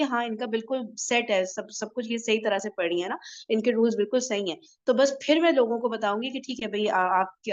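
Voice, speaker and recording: A woman speaks casually and earnestly to her listeners, her voice sitting a little high. She chats freely as a study group host, and the recording sounds dull and lo-fi. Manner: chatty, earnest, full of fillers like "na" and "theek hai".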